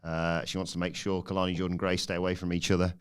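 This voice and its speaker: A man's voice: low voice, monotone, quick pace, clear, resonant tone. A man co-hosting a podcast, giving a dry, sarcastic play-by-play recap in casual chat. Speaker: podcast co-host recapping the show.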